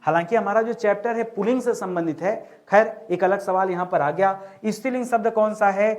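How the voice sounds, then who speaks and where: Male teacher, higher-pitched voice, exam-prep grammar lesson, repeats questions and slows down on key words. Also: a little mellow. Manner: repeats questions back to the viewers, calling them friends.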